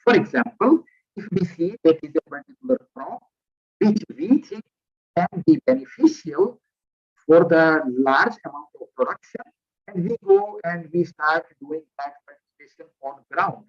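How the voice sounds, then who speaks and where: A man's voice: sits high, very animated, normal speed. A man giving a visiting lecture online through a headset, explaining at a careful pace with restarts. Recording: muffled lo-fi video call audio.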